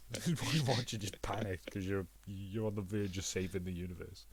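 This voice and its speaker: A man co-hosting a podcast, chatting casually and excitedly, swearing and acting out characters' lines. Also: deep voice, normal speed, slightly rough. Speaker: podcast co-host. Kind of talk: casual chat.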